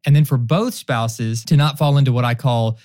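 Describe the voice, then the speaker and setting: A man's voice: medium pitch, moderate pace, darkish tone. A man co-hosting a podcast on marriage, talking earnestly in a casual way and acting out quoted voices. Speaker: podcast co-host.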